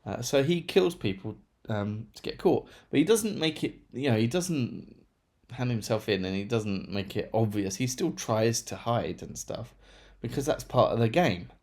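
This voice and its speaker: A man's voice: mid-range voice, expressive, normal speed, darkish tone. A man chatting casually through a monthly book review, rambling with self-deprecating asides. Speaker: book vlogger.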